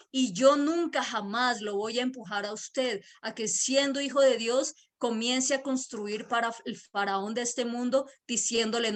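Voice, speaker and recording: Preaching a sermon for a virtual church, this woman speaks with a Boyacá Colombian accent at a fairly high, slightly bright pitch. Her delivery is emphatic, full of repeated key words and questions aimed at the audience.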